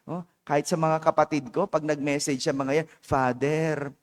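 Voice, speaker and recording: A Filipino priest talks through his homily in a loose, chatty way and keeps checking in with the congregation through quick questions. His voice sits high for a man. It carries the long ringing reverb of a church. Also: level tone. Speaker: parish priest. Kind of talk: conversational homily.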